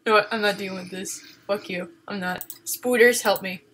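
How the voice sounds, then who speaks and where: A woman giving casual game commentary, swinging from panicked shrieks and swearing to low muttering. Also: level tone, fairly quick, fairly bright tone, a little hiss or hum. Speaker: gaming video host.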